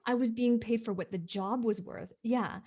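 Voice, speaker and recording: A higher-pitched, mellow, husky voice at a normal pace belongs to a woman from Hong Kong who isn't a native English speaker. Telling her story as an interview guest, she speaks emphatically and keeps asking "right?" to get agreement.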